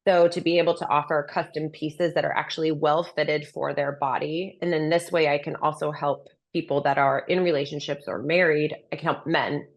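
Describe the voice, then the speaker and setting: A woman's voice: sits low, steady tone, brisk, few pauses. A woman speaking as a dating coach in a conversational interview, explaining things and giving opinionated advice. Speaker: dating and relationship coach, menswear stylist.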